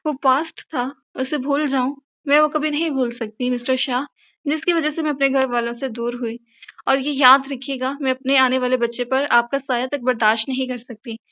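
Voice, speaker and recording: A defiant young wife talks back in sharp, reproachful retorts, as a woman reader puts her on. Her voice sits high and bright, and the recording sounds a little muffled. It is an audio novel with one reader doing every part. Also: fairly even intonation, moderate pace.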